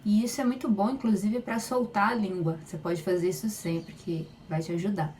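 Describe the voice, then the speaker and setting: A woman teaching Spanish pronunciation, modeling each sound slowly and repeating it loudly. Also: mid-range voice, fairly even intonation. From Brazil. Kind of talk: slow, deliberate pronunciation lesson. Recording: voice slightly far from mic, faint room noise.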